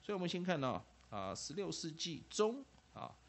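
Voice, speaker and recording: This English teacher, a man with a Taiwanese Mandarin accent, delivers a classroom-style phonics lecture at a moderate pace in a slightly high voice. He's lively, keeps tacking "ah" and "ha" onto his phrases, and repeats key terms.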